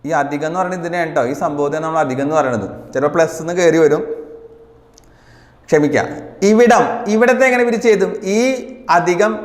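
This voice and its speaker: A man teaching a grammar lesson for exam prep. He repeats key points, asks his learners questions and slows right down, stressing each word part as he spells them out. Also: a little high, reverberant, in a large hall. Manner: slow and emphatic when spelling out word parts, chatty and coaxing between.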